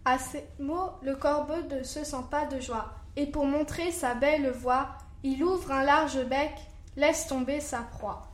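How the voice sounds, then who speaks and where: High-voiced woman narrator, slow careful fable reading, echoey room. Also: steady tone. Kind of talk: fable recitation.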